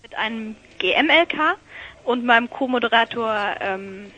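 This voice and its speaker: Woman, phone caller, poor connection, lo-fi muffled line, high voice, chatty with fillers. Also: expressive, normal speed. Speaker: student radio reporter. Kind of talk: live phone report. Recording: lo-fi telephone line.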